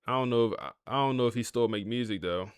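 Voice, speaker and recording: While playing, a man hosts a gaming livestream and chats casually with his viewers in a laid-back, talkative manner. His voice is medium in pitch, clear and resonant, and he talks fast. The recording is dry.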